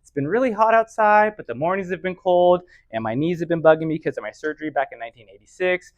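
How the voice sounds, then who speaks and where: A man's voice: fairly high pitch, fast talker, no room sound, dull audio, pitched above the performer's own voice, natural voice. A man putting on a rambling little old lady. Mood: chatty. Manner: chatty, piles on complaints.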